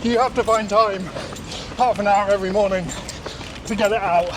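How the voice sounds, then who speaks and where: A man's voice: high-pitched, steady tone, normal speed. A man giving casual interview answers while running outdoors. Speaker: interview guest. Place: outdoors in an urban area, on the move. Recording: clearly noisy outdoor urban recording.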